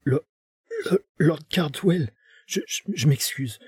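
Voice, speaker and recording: A man's voice: fairly high pitch, slow pace, breathy edge, no room sound, voice pushed up, exaggerated voice. A man voicing a nervous male head waiter who stammers and apologizes.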